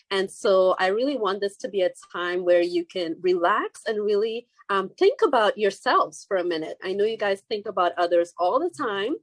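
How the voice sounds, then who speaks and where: A woman in her thirties from Trinidad and Tobago, the founder of a skincare line, talking casually and warmly to a live audience with frequent restarts. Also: mid-range voice, dry recording. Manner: friendly, chatty, with frequent restarts. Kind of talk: casual live-stream talk. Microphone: laptop.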